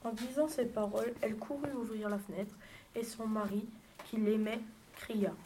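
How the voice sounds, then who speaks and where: A woman's voice: on the high side, steady tone, moderate pace. A woman narrating a fairy tale, reading steadily with a few small stumbles. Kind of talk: storybook reading aloud. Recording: noisy home recording with clicks.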